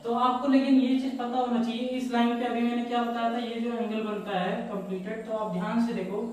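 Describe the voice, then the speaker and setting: A man's voice: very high voice, flat delivery, a little fast, a little mellow, slight background noise. A man teaching a maths lesson, explaining step by step and often checking that students follow. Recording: echoey room, heard from a distance.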